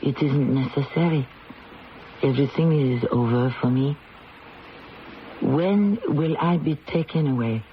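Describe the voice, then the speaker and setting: In the style of an old-time radio drama, an actress plays a condemned French queen who is proud, weary, and sorrowful, sounding resigned and gentle yet theatrical, imperious, and emotional. Her voice rumbles low at a measured pace with frequent pauses. The dull lo-fi radio recording carries a little hiss or hum and music behind her.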